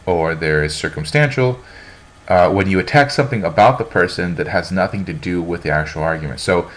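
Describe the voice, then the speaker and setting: Casting: a deep-voiced young man teaching a class, relaxed and rambling, lots of ums and self-corrections. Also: a little fast. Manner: casual, rambling, frequent fillers and restarts. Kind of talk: informal classroom lecture.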